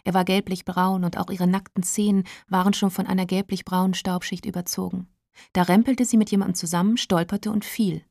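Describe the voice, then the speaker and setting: Female audiobook narrator, calm storyteller, mellow and dry. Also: medium pitch, fairly quick, gravelly, no room sound. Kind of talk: audiobook reading.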